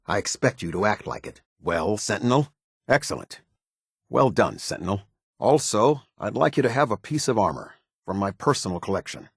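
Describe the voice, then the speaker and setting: An actor playing a stern, disciplined military captain in a video game, speaking in a formal, clipped, authoritative way. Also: male voice, on the low side, very animated, normal speed, vocal fry, slightly rough, no echo, clean studio sound, heavily acted. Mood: stern, commanding. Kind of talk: scripted game character dialogue.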